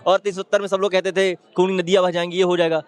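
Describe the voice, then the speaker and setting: A man's voice: sits high, flat delivery, quick pace, clear, resonant tone. A man giving his opinion in a street interview, talking in an emphatic, argumentative way and often urging the listener to look.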